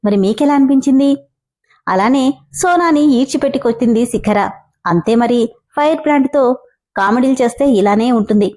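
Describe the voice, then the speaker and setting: A woman's voice: fairly high pitch, expressive, fairly quick, pauses often, darkish tone. A woman narrating a serial story and chatting to her listeners about the episode. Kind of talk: reading a serial story aloud.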